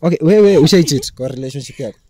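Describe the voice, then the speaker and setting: A man's voice: a little high, lively intonation, quick pace, background noise. A man in his twenties with a Kenyan accent, hosting a casual street interview in a teasing, probing, slangy way. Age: 20s. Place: outdoors beside a car and hedge.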